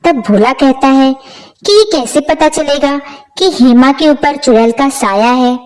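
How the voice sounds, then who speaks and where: A woman narrating a scripted storybook tale in a steady, plain way. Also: sits high, measured pace, rough recording.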